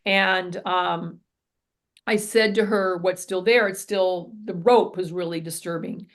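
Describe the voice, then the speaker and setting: A woman's voice: lowish voice, steady tone, slow pace. A woman therapist, a guest on an interview podcast, telling a case story earnestly and vividly, often acting out what people said.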